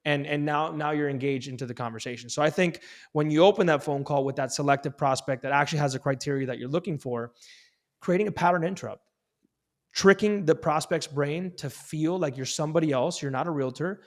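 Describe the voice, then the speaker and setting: A man's voice: a little high, brisk. A male real estate agent guest giving sales tips in emphatic talk, often repeating words as he starts a phrase. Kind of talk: fast sales-coaching talk.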